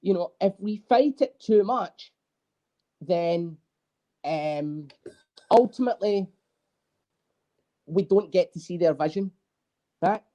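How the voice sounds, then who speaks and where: Mellow-voiced drummer telling stories. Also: male voice, sits high, slow pace, long pauses. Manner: animated storyteller, swears freely. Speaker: guest, drummer. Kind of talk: casual podcast interview.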